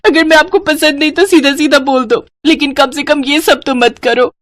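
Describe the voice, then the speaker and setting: Lady voicing nasty scheming sister-in-law, high and shrill, dry close mic. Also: lively intonation, normal speed, dry recording. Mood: indignant. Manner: shrill, accusing, dramatic. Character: spiteful young woman, scheming sister-in-law. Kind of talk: storybook voice acting.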